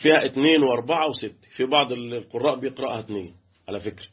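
A man with an Egyptian Arabic accent races through an interactive tajweed lesson, testing students on Quran recitation rules and chanting letters. His voice is medium-pitched and slightly rough, and the audio has a tinny, phone-like quality.

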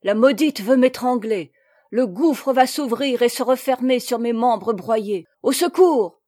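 A woman voicing a hot-tempered, boastful male knight captain in an audiobook, with loud commanding exclamations. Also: fairly high pitch, expressive, normal speed, close to an everyday voice. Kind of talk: audiobook character reading.

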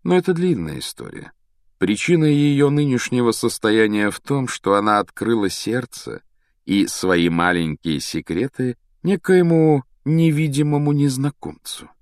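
A man voicing a sinister teenage wizard who speaks in a smooth, unhurried, coolly mocking way. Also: mid-range voice, very animated, dry recording, voice pushed up. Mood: coldly mocking. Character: sinister teenage boy wizard, calm and cruel. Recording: dry close audiobook sound.

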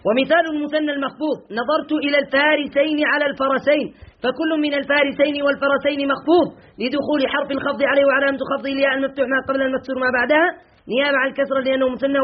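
A man's voice: very high voice, phone-quality sound. A male teacher giving a classroom grammar lesson. He quizzes his students with questions, answers them himself, and scolds them sternly. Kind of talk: classroom lesson, explaining and reading from a textbook.

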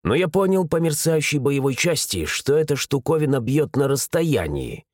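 A man narrating a first-person adventure audiobook in an animated, dramatic reading. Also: medium pitch, moderate pace, no room sound, clean studio sound.

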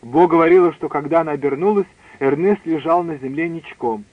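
A man's voice: a little high, fairly quick, no room sound. Man reading a story on a tinny line. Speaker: narrator. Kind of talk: scripted audiobook reading. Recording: dry tinny phone-like line.

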